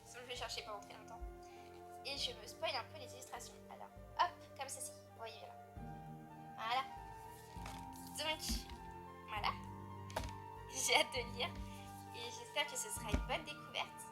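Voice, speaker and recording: A woman's voice: a little high, moderate pace, pauses often, music in the background. A French woman casually chatting about her books as a book vlogger, rambling with fillers and self-corrections. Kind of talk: casual chat.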